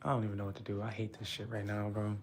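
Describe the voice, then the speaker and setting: A man's voice: on the low side, monotone, rapid-fire, slight background noise. A young man from the United States talking casually and frustratedly on a live stream, rambling with many fillers.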